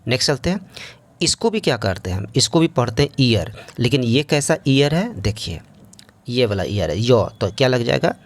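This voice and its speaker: A man's voice: medium pitch, very animated, normal speed. A man teaching an English grammar lesson in speech, explaining step by step and often asking the class rhetorical questions.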